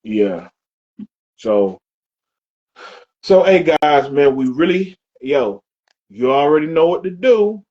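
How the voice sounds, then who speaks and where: A man co-hosting a laid-back barbershop-style sports podcast, his voice husky and a little raspy. He talks with big swings in pitch, jumping high for emphasis and repeating his lines. The recording sounds dull and lo-fi. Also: slow pace, pauses often. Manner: animated, repeats phrases, rises sharply for emphasis. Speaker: podcast co-host. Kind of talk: casual sports barbershop chat.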